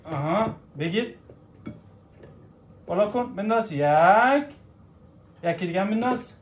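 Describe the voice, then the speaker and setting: A man's voice: high-pitched, expressive, lo-fi sound. Patient father. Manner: patient, coaxing, keeps checking with short questions. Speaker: father cooking with his child. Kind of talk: casual instructional chat with a child. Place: home kitchen. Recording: echoey kitchen room.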